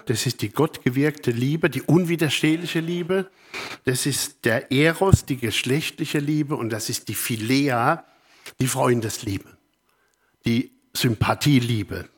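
Man, preacher, sermon, husky, slow, emphatic then whispered. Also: medium pitch. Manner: shifts from emphatic to hushed, whispered asides.

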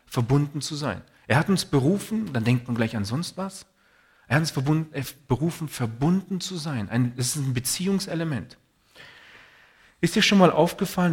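A man preaches a sermon. He speaks earnestly and personally, mixing his own stories with Bible readings. His voice sits a little high for a man. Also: slightly rough.

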